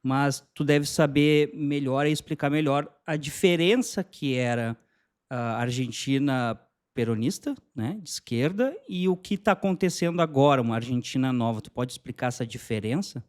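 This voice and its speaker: A man's voice: medium pitch, expressive, normal speed. A man hosting an interview, asking his guest short questions in a conversational way. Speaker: interview host.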